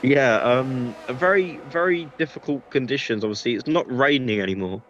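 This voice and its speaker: A man's voice: mid-range voice, normal speed, fairly bright tone, dull audio, a little hiss or hum. A man co-commentating on motorsport, giving casual, opinionated analysis and conversational reactions to the race.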